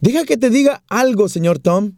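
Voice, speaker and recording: A blunt, suspicious hospital nurse, as a man puts her on, drawing her words out slowly. Her voice sits fairly high for a man, dark and gravelly. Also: lively intonation, no room sound, studio quality. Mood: pointed.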